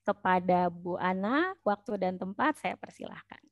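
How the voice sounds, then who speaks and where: A woman doctor moderating an online webinar, polite and upbeat, filling pauses with "eh" and "nah", heard over a video call. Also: lowish voice, animated, no echo. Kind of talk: formal welcoming moderation. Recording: muffled dry video-call audio.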